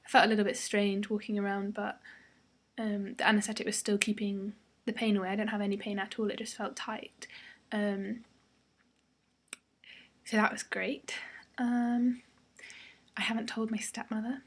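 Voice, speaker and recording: A young British woman, tired a day after surgery, gives a casual vlog update. Her voice is breathy and a little husky, staying fairly flat in pitch. She rambles loosely and often lets phrases trail softer. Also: moderate pace, long pauses. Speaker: vlogger.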